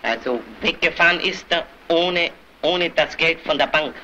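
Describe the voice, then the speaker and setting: A pompous, excitable old bank cashier. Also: male voice, a little high. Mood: offended. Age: older. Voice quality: pompous, lecturing, fast and fluttery when agitated. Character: fussy, excitable older male bank cashier. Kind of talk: early sound-film acting. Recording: hissy, muffled 1930s film soundtrack.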